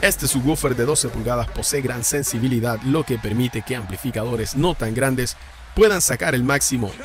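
Background music accompanies a man of medium pitch speaking at normal speed. He's narrating a script of subwoofer specs and prices for a car audio channel, keeping his explanations even.

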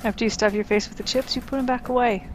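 A woman's voice: a little high, fairly even intonation, fast talker, noisy background. A woman vlogger giving a casual, self-mocking voice-over for a boat tour.

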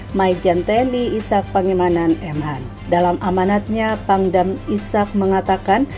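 A woman narrating a regional news report in an even, formal reading voice. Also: medium pitch. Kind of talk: scripted news voice-over.

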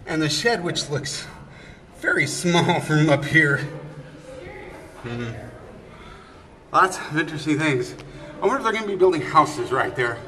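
An amateur vlogger climbs a narrow brick lighthouse stairwell for sightseeing, chatting casually and good-humoredly to the handheld camera he holds while he exerts himself. His voice is a little high, animated, pushed and bright, a little slow with long pauses, and the echoey stairwell adds long reverb and clear noise.

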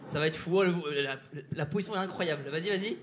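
A male stand-up comedian doing crowd work on stage, teasing audience members with quick banter. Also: fairly high pitch. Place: theater stage before a live audience. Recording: live show with loud audience laughter and noise.

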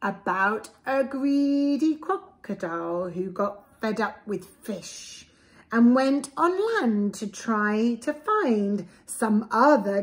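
Reading a rhyming picture book to little children, a preschool storyteller from England speaks in a fairly high voice at a very leisurely pace. Her delivery is expressive and deliberate, broken up by simple explanations. A camera a little distance away records her in a small bookshelf-lined room indoors.

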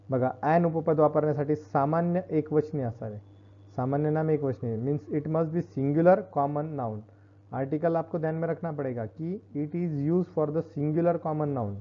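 A man teaching English grammar in a classroom-style lesson, explaining slowly and repeating each point. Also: a little high. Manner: explains slowly, repeats points, switches between Hindi and Marathi. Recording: dull lo-fi recording.

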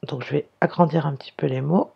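A primary school teacher giving a slow, careful reading lesson to young pupils, sounding out and spelling words one by one. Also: medium pitch, fairly even intonation, creaky, breathy edge, lo-fi sound.

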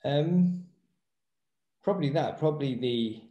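In a slow, expressive manner and a fairly high voice, a man in his thirties reflects casually on his job as a personal trainer while being interviewed over a video call. He sits in a small room at home, and the muffled recording picks up a roomy echo.

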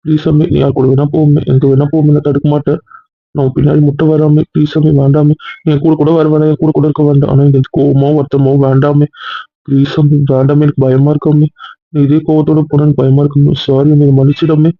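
A man's voice: a little high, little pitch movement, fast, no echo, phone-quality sound. A man playing a clingy young husband who pleads and gets defensive. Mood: pleading. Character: clingy young husband, whiny when scolded.

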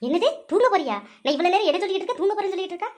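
A bossy old mother-in-law, bickering and self-pitying, as a woman acts her out. Her voice sits very high for a cartoon quarrel. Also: animated, rapid-fire. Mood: quarrelling. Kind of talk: cartoon voice acting.

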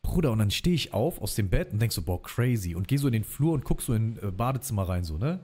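A man's voice: fairly low pitch, sing-song, fast, mellow, husky. A man talking as a guest in a casual livestream chat, telling long personal stories in slangy, chatty speech and calling the host brother.

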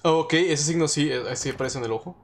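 A man's voice: on the high side, fairly quick, slight background noise. A man with a Mexican Spanish accent commentating a live horror game stream, jumpy, swearing and nervously repeating himself. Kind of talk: live let's-play commentary.

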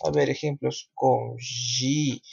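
Slow, gravelly Brazilian-born teacher. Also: male voice, medium pitch, fairly even intonation, a little mellow, highs cut off. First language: Portuguese. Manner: slow, repeats syllables for the listener to echo. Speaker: language teacher. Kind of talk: online pronunciation lesson.

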